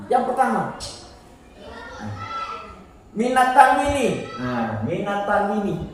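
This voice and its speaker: A man teaches grammar at an unhurried pace, going back over each term and restarting words as he explains. His voice sits a little high for a man and comes from some distance away. The room around him rings with heavy echo. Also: a little mellow, slight background noise. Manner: slow and explanatory, repeats terms and restarts words. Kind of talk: casual grammar lesson. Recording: echoey room, voice far from the mic.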